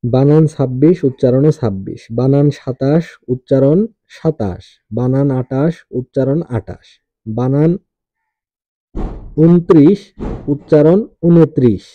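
A man teaching, reciting a spelling and pronunciation drill in a steady, repetitive way, saying each number twice. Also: mid-range voice, a little slow, dry recording. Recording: tinny phone-like, dry sound.

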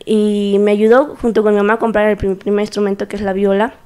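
A woman's voice: medium pitch, fast, smooth. A young woman, a musician guest telling stories in casual chat and acting out quoted dialogue. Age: young adult. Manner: lively, acts out quoted dialogue, laughs often.

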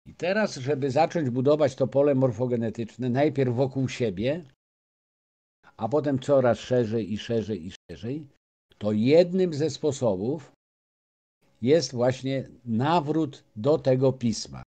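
A man's voice: medium pitch, measured pace, warm tone. A man, speaking as a guest and lecturing an audience, with frequent restarts and filler sounds. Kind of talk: lecture-style talk to an audience.

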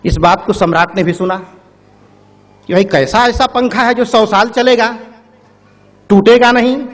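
Male public speaker, high-pitched, storytelling, addresses the crowd directly, reverberant hall. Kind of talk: motivational speech with a parable. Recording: echoey hall.

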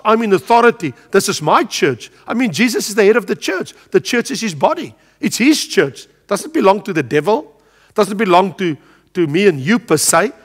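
A man in his sixties teaches a Bible study, his fairly high voice swooping up and down with lively inflection. He talks with animated energy and plenty of ums and uhs, and his words carry a long reverb tail as if in a big hall. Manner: animated, gestures broadly at a pulpit, frequent filler sounds. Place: studio with a world map backdrop, standing at a lectern.

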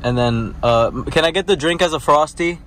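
A man's voice: a little high, normal speed, a bit bright, a little hiss or hum. A man ordering food at a drive-through from a car, in a casual, offhand way. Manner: casual, teasing. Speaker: vlogger.

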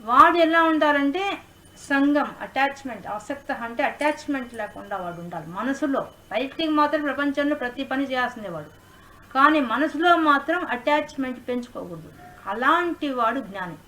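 A woman's voice: high-pitched, lively intonation, normal speed, sharp tone, a little hiss or hum, low-quality recording. A woman spiritual teacher explaining scripture in an online class, mixing in English words.

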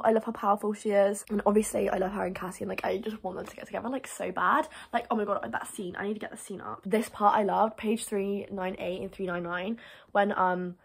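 A woman's voice: mid-range voice, creaky, breathy edge. A young woman chatting casually about books in a reading vlog, gushing and filling her talk with "like". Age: young adult. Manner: chatty, gushing, heavy use of "like". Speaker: book vlogger.

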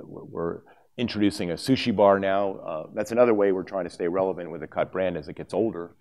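Middle-aged man, very low voice, conference presenter at a lectern, loose and conversational, trips over his words now and then. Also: darkish tone. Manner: conversational, with many fillers and restarts. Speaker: conference speaker. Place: conference hall stage, at a lectern. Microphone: lapel mic.

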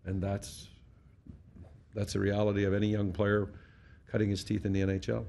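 A man's voice: lowish voice, completely flat delivery, normal speed, creaky, a little mellow, slight background noise. A middle-aged Canadian man answering reporters at a post-game press conference, blunt and matter-of-fact, talking into a desk mic. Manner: blunt, matter-of-fact, restarts words often. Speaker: hockey head coach. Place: press conference room in front of a sponsor backdrop. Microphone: desk mic on a stand.

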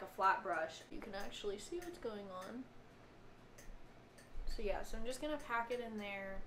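Chatty young woman doing a makeup tutorial. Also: medium pitch. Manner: chatty, giggly, talks through each step. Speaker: makeup vlogger. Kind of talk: casual makeup tutorial chat. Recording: echoey room with clear background noise.

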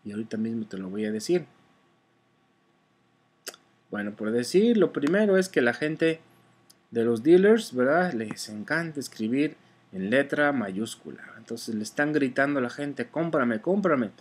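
Husky-voiced man teaching casually. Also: medium pitch, lively intonation, normal speed. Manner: conversational, often adds "¿verdad?"; frequent fillers and self-corrections. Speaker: online sales instructor.

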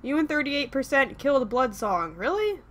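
A woman's voice: high voice, sing-song, moderate pace, a bit bright. A woman giving emotional, exclaiming commentary as she plays a story game. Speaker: let's play host. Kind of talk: gaming commentary. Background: game music.

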